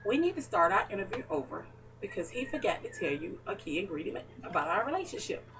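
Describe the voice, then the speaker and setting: A woman's voice: medium pitch, sing-song, fast, far from the mic, noisy background. Chatty woman heard from off-mic. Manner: chatty, playful teasing. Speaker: interviewer, neighbor. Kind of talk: casual home interview. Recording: voice from away from the mic.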